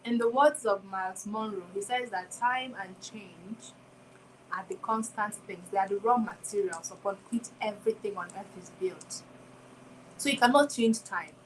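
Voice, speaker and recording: In a rough recording with slight background noise, a twenty-something female podcast host gives a reflective solo motivational talk at a moderate pace. Her voice is mid-range, and she keeps coming back to rhetorical questions.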